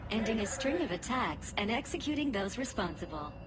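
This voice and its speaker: An actress playing an official announcer in a video game, reading a scripted corporate history. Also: female voice, mid-range voice, sing-song, brisk, lightly acted. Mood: formal.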